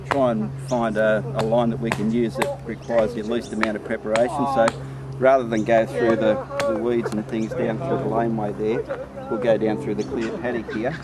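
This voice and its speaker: Speaking at a moderate pace in a level, low-side voice over a noisy crowd, a rabbit control trapper and trainer gives a practical, plain-spoken explanation of the job. He is outdoors on rural land, and the recording has clear rural background noise.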